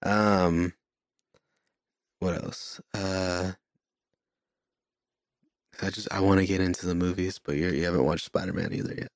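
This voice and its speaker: A man co-hosting a podcast while a little high, talking in a laid-back, drifting way and swearing casually, recorded inside a small closet. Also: flat delivery, a little slow, pauses often, dry recording. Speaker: podcast co-host. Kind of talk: casual chat.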